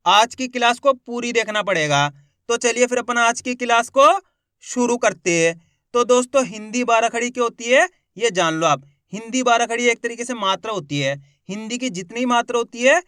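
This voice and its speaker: A man's voice: sits high, pushed and bright, clean tone, no echo. Emphatic man drilling syllables in a dry recording. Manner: emphatic, repeats assurances and calls the viewers 'friends'; drills syllables slowly, stretching long vowels. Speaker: Hindi teacher, channel host. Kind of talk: online beginner lesson.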